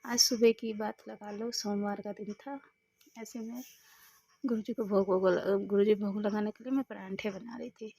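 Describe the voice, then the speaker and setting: Gravelly, husky woman giving devotional testimony. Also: mid-range voice, steady tone, normal speed, warm tone, no room sound. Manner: repetitive, fervent, often addresses the listeners as sangat ji. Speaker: devotee sharing a satsang experience.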